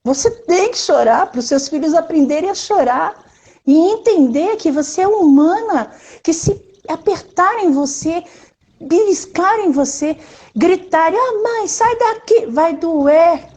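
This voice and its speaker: A woman with a Brazilian Portuguese accent talking in a casual live stream, expressive and emphatic, speaking straight to her audience. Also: very high-pitched, measured pace.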